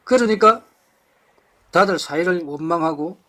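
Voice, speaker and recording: A man's voice: high voice, lively intonation, unhurried, sharp tone. A man giving an impassioned political lecture to a live audience, firing off rhetorical questions and blunt insults.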